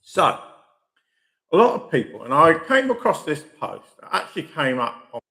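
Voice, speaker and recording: A man's voice: fairly high pitch, measured pace. A man hosting a live stream, giving his casual opinions on football with a chatty manner and frequent "okay"s. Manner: chatty, lively, repeats "okay" often. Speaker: host of a live stream channel.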